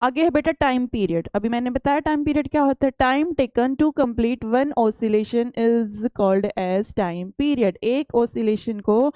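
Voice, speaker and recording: Patient woman teacher, warm and dry. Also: fairly high pitch, slow, hardly any pauses, smooth, no echo. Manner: explains patiently, repeats questions back to pupils. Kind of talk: classroom science lesson.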